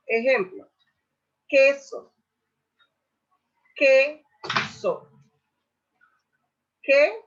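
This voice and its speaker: A woman teaching a Spanish grammar lesson, explaining slowly and saying each example word loudly, then repeating it. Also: medium pitch. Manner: stresses example words loudly and repeats them. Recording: dull lo-fi recording.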